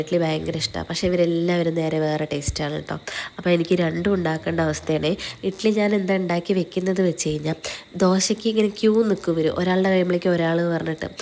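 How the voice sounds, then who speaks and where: Brief: woman vlogger, nasal with a cold, quick and flat, teasing home chat, faint hiss behind. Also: lowish voice. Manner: chatty, teasing, tags lines with "kētto". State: nasal from a night-time cold. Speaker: vlogger, mother. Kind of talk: casual voice-over narration. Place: home, recorded at night over the footage.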